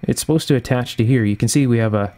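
Fast-talking with a mid-range, darkish voice, this man is the host of an electronics repair channel. At an indoor workshop bench he goes through a hands-on repair step by step, unscripted, methodically thinking out loud.

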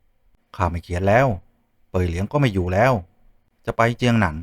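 A man voicing a grumpy, proud old male scholar who speaks slowly and sulkily. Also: low-pitched, no room sound, clean studio sound. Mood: sulky.

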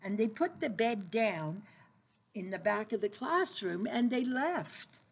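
A woman reading a children's picture book aloud in an expressive, sing-song way, as an early childhood educator. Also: medium pitch, slow, gravelly, slightly rough, low-quality recording.

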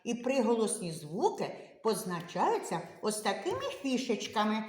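A woman's voice: medium pitch, big pitch swings, moderate pace, a little mellow. A woman kindergarten teacher with a Ukrainian accent gives a phonics lesson, coaxing small children with sing-song questions. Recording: echoey room.

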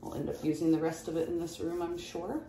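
A woman's voice: low-pitched, little pitch movement, quick pace, creaky, slight background noise. A woman vlogger talking casually while she works on a DIY project in a room of her house. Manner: casual, talks while working. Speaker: lifestyle vlogger. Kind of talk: casual on-camera DIY demonstration. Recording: echoey room with soft music.

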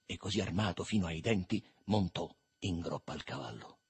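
A man reading a literary novel aloud in a lively, expressive way. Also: sits low, moderate pace, vocal fry, husky. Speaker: reader.

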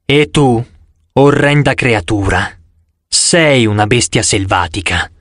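A severe young goddess in girl form, handing down slow, cold pronouncements, as a male narrator puts her on. Her words fall low and deliberate against a close, dry recording. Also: lively intonation, a bit bright, dry recording. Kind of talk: audiobook character voice.

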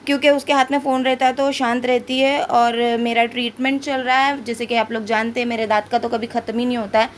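Chatty woman vlogger with a higher voice. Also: slight background noise. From India. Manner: chatty, addresses viewers directly. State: in pain from dental treatment. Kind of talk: casual home vlog narration. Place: home and hospital, indoors.

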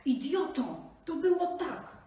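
A woman's voice: extremely high pitch, lively intonation, a little slow, a little mellow, pitched above the performer's own voice. A woman voicing an impatient male tiger who grumbles and snaps. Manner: grumbling, snapping. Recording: echoey room, distant mic, faint noise.

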